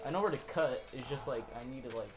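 A man's voice: medium pitch, expressive, fast talker. A young man joking around goofily during co-op gameplay commentary. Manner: goofy, joking, giggly. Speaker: gamer. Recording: game music behind. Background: game music.

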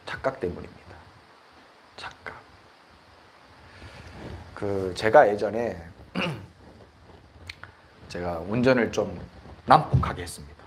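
A man's voice: on the low side, animated, slow pace, pauses often, slight background noise. A middle-aged Buddhist monk, giving a conversational dharma talk and often checking that his listeners agree. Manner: conversational, asks the audience for agreement; laughs at his own stories.

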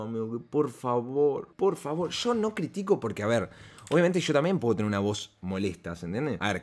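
A man with a Rioplatense Argentine accent telling a casual storytime vlog. He is slangy and emphatic, with big swings between loud high bursts and quiet low asides. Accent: Rioplatense Argentine Spanish. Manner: slangy and emphatic, often saying "amigo" and "¿se entiende?".

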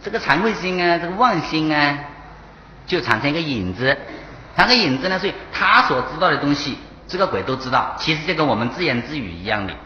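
A man's voice: fairly high pitch, lively intonation, quick pace, pushed and bright. A man, a Buddhist monk with a Taiwanese Mandarin accent, giving a dharma talk and telling parables, chuckling at his own points. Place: temple lecture hall. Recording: echoey hall, dull lo-fi, faint hiss.

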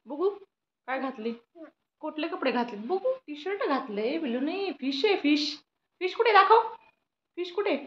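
A woman's voice: sits high, very animated, normal speed, pauses often, fairly bright tone, lo-fi sound. A young woman chatting playfully with a toddler in a home vlog, coaxing and teasing in a sing-song baby-talk voice. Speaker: vlogger.

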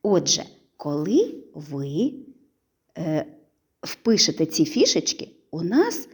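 A woman teaching preschoolers a literacy lesson, stretching out syllables in a sing-song, slow and clear way. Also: low-pitched, huge pitch swings.

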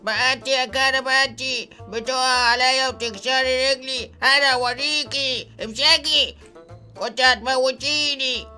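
A man's voice: very high-pitched, fairly even intonation, moderate pace, pushed and bright, exaggerated voice. A man voicing a mischievous, vengeful male ghost in a game video, boasting and taunting with an Egyptian accent. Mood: boastful. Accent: Egyptian Arabic. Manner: boastful, taunting, greedy glee. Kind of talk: game-video role-play. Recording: faint music behind.

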